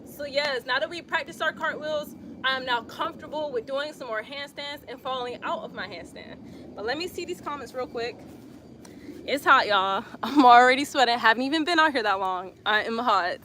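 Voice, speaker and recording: Against a noisy background, a young woman speaks in a high voice at a normal pace. Originally from Atlanta, Georgia, and carrying that accent, she's filmed on a phone outdoors in bright sunlight, standing on an exercise mat and casually walking viewers through handstand practice with lots of laughter and plenty of "y'all."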